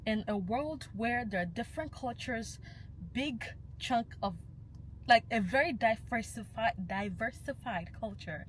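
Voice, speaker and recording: A passionate young woman, a Yoruba native speaker, delivers a casual vlog monologue in a fairly high voice at an unhurried pace. She is emphatic and slips into Yoruba phrases. The audio is poor, with slight background noise.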